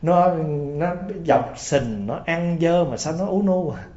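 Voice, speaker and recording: A man's voice: a little high, lively intonation, takes it slowly, warm tone. A man giving a storytelling Buddhist sermon, folksy and often asking his listeners questions. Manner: folksy, asks the audience questions. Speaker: Buddhist preacher. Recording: roomy, dull lo-fi sound.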